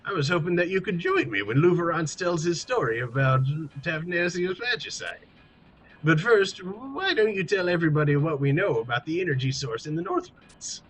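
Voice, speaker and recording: A man's voice: a little high, expressive, normal speed, fairly bright tone, a little hiss or hum, pitched above the performer's own voice, low-quality recording. A man voicing an old airship engineer in a folksy old prospector manner, proud and boastful. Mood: curious, eager.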